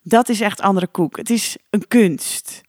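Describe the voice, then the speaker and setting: A woman hosting a solo podcast as a coach, talking in a calm, reflective and encouraging way with the odd filler sound. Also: mid-range voice, unhurried, no echo, clean studio sound.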